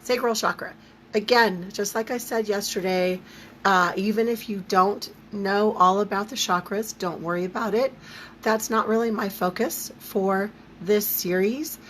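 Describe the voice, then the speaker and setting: A woman speaks in a squeaky voice, strained by an allergy, at a middling pitch. She teaches a live online lesson informally, with down-to-earth, emphatic asides. There is some noise behind her. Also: fairly even intonation, a little slow, fairly bright tone. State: throat and voice affected by allergy. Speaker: spiritual teacher leading a live online series. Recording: noticeable background noise.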